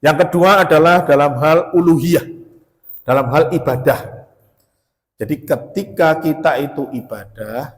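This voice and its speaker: A man's voice: mid-range voice, vocal fry. A man giving a sermon, telling stories with quoted dialogue and rising to emphatic peaks. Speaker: preacher. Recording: long hall reverb.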